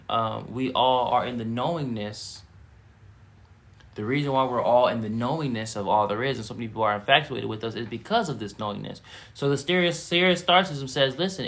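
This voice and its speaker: A man's voice: medium pitch, a bit bright. A man giving a live-streamed spiritual teaching, repeating himself and rising into emphatic bursts.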